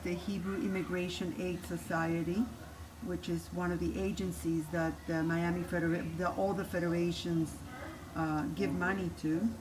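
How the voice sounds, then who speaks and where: This fairly low-pitched grandmother from Cuba, whose first language is Spanish and who carries a Cuban Spanish accent, cooks in her home kitchen while recounting her life. She is homey and instructive but restarts frequently, over constant background noise.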